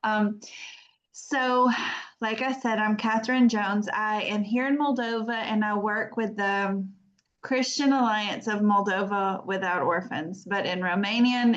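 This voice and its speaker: Chatty American woman on a dull video call. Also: medium pitch. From United States. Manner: chatty, self-deprecating. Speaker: guest speaker. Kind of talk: informal online presentation. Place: home.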